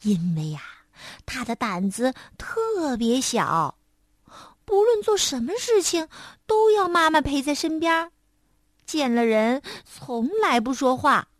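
A woman storyteller narrating a children's story, sing-song and expressive, speaking to little listeners. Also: sits high, takes it slowly, no echo, clean studio sound.

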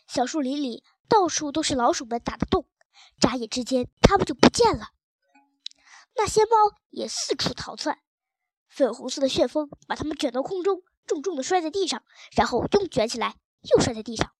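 A woman reads a children's story aloud in a high, clear voice, narrating as a cat in the first person. Her delivery is lively and expressive. The recording is dry and close, with no room sound. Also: moderate pace, dry recording.

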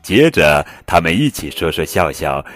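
A man hosting a children's picture book reading, telling the story with animated delivery. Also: rumbling low, moderate pace. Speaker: storyteller host. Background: faint background music.

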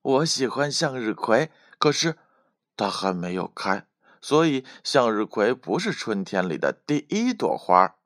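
A man's voice: medium pitch, big pitch swings, unhurried, no echo, clean studio sound, pitched above the performer's own voice. A man voicing a friendly giraffe who gathers the animals together, in a lightly raised storybook tone. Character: giraffe, friendly group leader.

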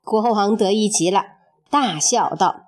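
A woman narrating a children's story in an expressive, measured storytelling manner. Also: mid-range voice.

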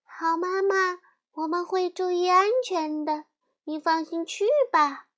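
A woman voicing a group of little goat kids, talking in a high, insistent childlike way. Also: steady tone, unhurried, fairly bright tone. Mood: reassuring.

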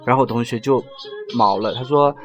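A man's voice: mid-range voice, fairly quick, soft background music. A man telling a personal story in a casual, sarcastic rant, mocking the people he quotes.

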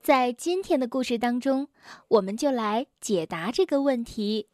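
A woman telling a story to children in a gentle, clear way, calling herself a big sister. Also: on the high side, animated, normal speed, dry recording, studio quality.

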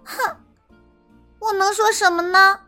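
A woman telling a children's story as a small timid mouse, in a sweet, expressive, sing-song manner. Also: very high-pitched, slow pace, faint music behind.

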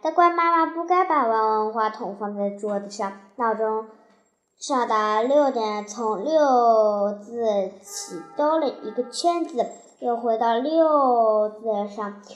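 A woman narrating a children's story with a lively, expressive delivery. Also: a little high, takes it slowly, reverberant.

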